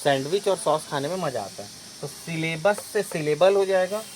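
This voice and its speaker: A man's voice: fairly high pitch, animated, moderate pace, slight background noise, low-quality recording. A male teacher giving an exam-prep lesson, explaining memory tricks step by step and often repeating and checking with "okay".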